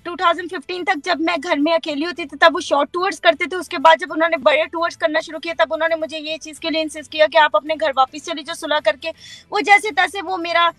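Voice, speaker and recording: A woman's voice: very high voice, steady tone, fast, sharp tone, dry recording. A woman in her thirties with a Pakistani Urdu accent, giving an earnest, firm account as an interviewee on a call and mixing in English words.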